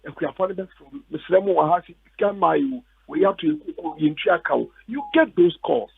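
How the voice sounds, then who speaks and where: Ghanaian man, phone guest, insistent debater, husky, dry tinny phone sound. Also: sits high, expressive, normal speed, dry recording. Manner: insistent, repeats words when cut off. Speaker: cocoa board official, phone guest. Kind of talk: heated radio debate.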